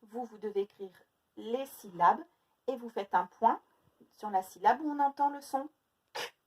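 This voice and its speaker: A woman teacher giving a phonics lesson to young children, stretching out each syllable and repeating words slowly. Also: fairly high pitch, recorded from a distance.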